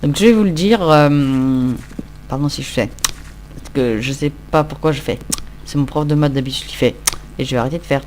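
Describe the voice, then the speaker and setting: This man hosts a Minecraft let's-play, and having just woken up, he's tired, rambling, and mocking himself as he plays. His voice is on the high side with a darkish tone, delivered at a moderate pace, and a little hiss or hum can be heard.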